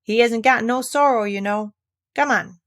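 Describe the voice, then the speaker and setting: A woman's voice: fairly high pitch, normal speed, pitched above the performer's own voice, natural voice. A woman voicing a brusque, bossy male gryphon from a storybook, with blunt, slangy exclamations. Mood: brusque, dismissive. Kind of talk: storybook character voice.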